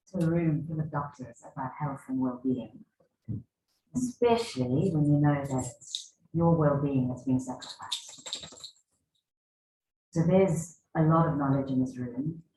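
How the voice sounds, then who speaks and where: A woman in her forties with a South African accent gives a conversational wellbeing keynote to a conference of doctors, putting questions to the audience. Her voice is deep and mellow, a little slow, with long pauses. The conference hall sounds echoey, with faint ambience and slight background noise.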